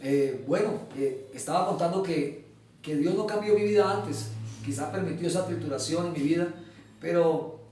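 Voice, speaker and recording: High-voiced man telling his testimony. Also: moderate pace, a little mellow, slight background noise. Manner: earnest storyteller, acts out quoted dialogue, hesitant fillers. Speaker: guest giving testimony. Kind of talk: personal testimony in an interview. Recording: echoey room, mic at a distance.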